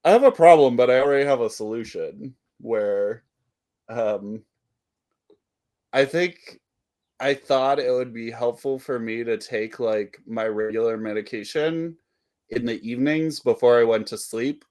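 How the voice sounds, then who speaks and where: Speaking at a measured pace, a podcast co-host with a darkish, medium-pitched voice rambles through casual chat. He pokes fun at himself and laughs a lot.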